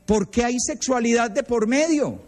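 A Colombian man with a notably high voice lectures to parents, lively and storytelling, slipping into the voices of the people he quotes. His voice rings out with a long reverb, as if in a large hall. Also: moderate pace. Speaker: retreat leader.

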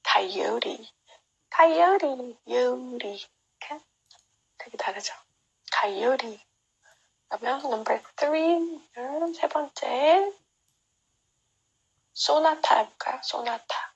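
A woman teaching English pronunciation in a live-streamed lesson, repeating words slowly to show stress and praising her learners. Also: high voice, steady tone, vocal fry, breathy edge, highs cut off.

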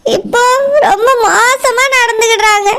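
A woman's voice: extremely high pitch, fairly even intonation, normal speed, vocal fry, fairly bright tone, heavily acted. A woman voicing a tearful young woman who does not want to marry, crying and pleading as she talks, in a cartoon. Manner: pleading, sobbing. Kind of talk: cartoon voice acting.

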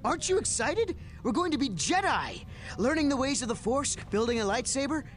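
Game cutscene, a nervous, chatty young Jedi trainee, high and bouncy. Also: male voice, fairly quick, slight background noise. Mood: eager, nervous. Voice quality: excitable, chattery. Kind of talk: video game cutscene dialogue.

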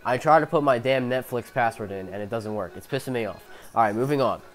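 A young gameplay commentator, sick and coughing, rambles and curses through a racing game from his bedroom on a headphone mic, poking fun at himself. His voice is medium-pitched and quick.

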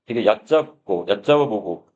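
A man's voice: lowish voice, lively intonation, moderate pace, a little mellow. A male teacher reading a story aloud and explaining its phrases, asking his class questions as he goes. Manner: explanatory, asks the class questions, begins lines with "자". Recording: dull lo-fi recording.

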